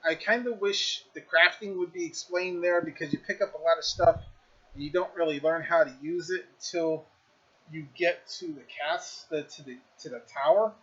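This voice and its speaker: A man chats through a relaxed review of a game he has been streaming, stumbling over restarts and fillers as he goes. His voice sits a little high for a man. The stream audio is a bit dull and lo-fi. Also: moderate pace, slightly rough. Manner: rambling, many fillers and restarts. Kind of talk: casual game review chat.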